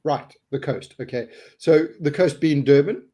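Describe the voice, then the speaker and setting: A man's voice: fairly high pitch, measured pace, dark tone. A middle-aged man hosting a casual live webinar, joking and laughing, sometimes stumbling over repeated words. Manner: jokey, laughing, repeats words when flustered. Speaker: host.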